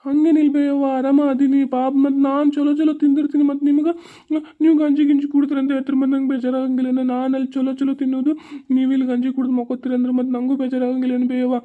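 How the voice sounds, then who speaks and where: A woman's voice: high-pitched, completely flat delivery, very fast, close to an everyday voice. Woman playing a plaintive hostel schoolboy. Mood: pleading. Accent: North Karnataka Kannada. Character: young schoolboy living away at a hostel. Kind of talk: family drama acting. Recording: muffled lo-fi recording.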